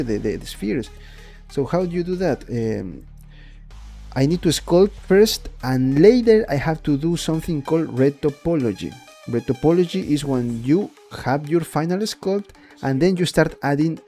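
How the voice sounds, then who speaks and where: On a relaxed livestream, a young man from Ecuador explains the 3D art he's making, his English carrying a Spanish accent. He speaks with a fairly high, warm voice, wandering from point to point and repeating himself.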